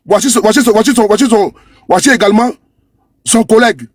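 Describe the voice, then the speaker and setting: Male vlogger, high voice, dry close sound, scornful and repetitive running commentary to camera. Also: fast talker, no room sound. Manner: repetitive, scornful, keeps asking "you see?". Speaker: online commentator. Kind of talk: talking to camera while scrolling a social media page.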